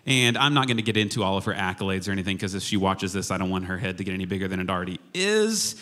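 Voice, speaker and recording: A man's voice: deep voice, animated, racing, sharp tone. A man from Oklahoma giving a casual, humorous sermon as a pastor, chatty and self-deprecating in an informal way. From Oklahoma, United States. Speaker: worship and media arts pastor, guest preacher.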